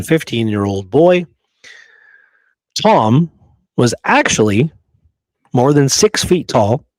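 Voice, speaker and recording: In a history show debunking an old photograph, this co-host speaks in a lowish, slightly mellow voice, emphatic and conversational, stretching out key phrases and asking rhetorical questions. The recording is dry and the audio quality poor.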